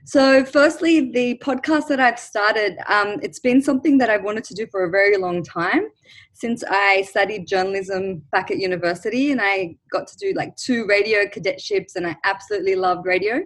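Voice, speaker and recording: A woman's voice: medium pitch, moderate pace, low-quality recording. A woman from Australia, talking eagerly as a podcast guest over a video call. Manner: bubbly and enthusiastic. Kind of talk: casual interview.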